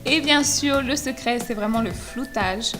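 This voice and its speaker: Female tutorial voice-over, calm and enthusiastic, slightly high, over clear music. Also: a little slow. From France. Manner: steady, explanatory, enthusiastic about products. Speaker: beauty vlogger.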